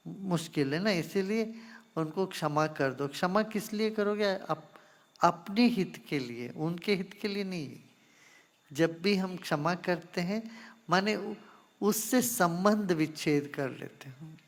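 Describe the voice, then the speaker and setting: Man guru type answering questions at an ashram gathering, talks real slow, gently teasing. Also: high voice, in a large hall. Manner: unhurried, gently teasing, addresses listeners informally. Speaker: spiritual teacher. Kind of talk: question-and-answer spiritual discourse.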